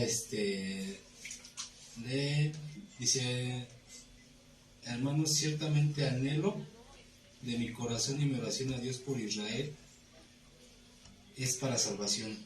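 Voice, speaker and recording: Distant man in an echoey Bible class. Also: mid-range voice. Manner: hesitant, full of fillers and restarts while paraphrasing verses. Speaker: class participant. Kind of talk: Bible study discussion. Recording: distant mic in an echoey room with clear noise.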